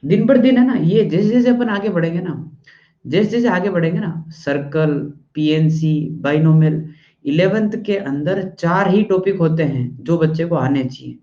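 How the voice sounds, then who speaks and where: A male teacher with a fairly high, mellow voice talks his class through problems in a chatty manner. He keeps checking whether they follow and now and then scolds them bluntly. The sound is roomy and slightly muffled. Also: normal speed. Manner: chatty, keeps asking "okay?" after each point. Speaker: math and physics teacher. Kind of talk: classroom lecture in Hindi-English mix. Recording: echoey room, dull lo-fi sound.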